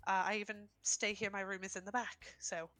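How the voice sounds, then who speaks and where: A woman's voice: medium pitch, flat delivery, brisk, fairly bright tone, lightly acted. A woman voicing a chatty shopkeeper who welcomes visitors in a tabletop game, talking with small halts. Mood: friendly.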